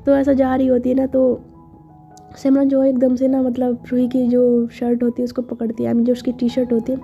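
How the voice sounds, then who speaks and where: A woman's voice: high voice, completely flat delivery, moderate pace, vocal fry, soft background music. A woman narrating a romance story in a chatty, casual way with filler asides, in a dull lo-fi recording.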